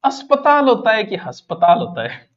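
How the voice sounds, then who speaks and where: A man's voice: high voice, huge pitch swings, moderate pace. A man with a Rajasthani accent teaching an exam-prep lesson, quizzing his students and moving between Hindi and local dialect. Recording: dull lo-fi recording.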